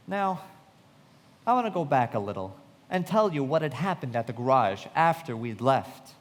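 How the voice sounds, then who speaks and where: In a live radio play, an actor with a fairly high male voice portrays a young narrator who is reflective and loyal. His delivery is measured and dramatic, echoing in a reverberant hall.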